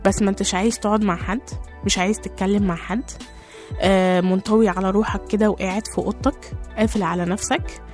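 A woman with an Egyptian Arabic accent hosting a radio show, slightly hoarse after a cold, chatting casually with many fillers. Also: medium pitch, fairly even intonation, fast, faint music behind. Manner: chatty, warm greetings to listeners, many fillers. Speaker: radio host.

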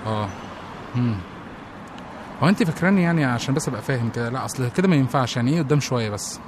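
A man's voice: mid-range voice, animated, rapid-fire, background noise. An Egyptian-accented man in comic sketch dialogue, complaining with exaggerated indignation and frequent laughs.

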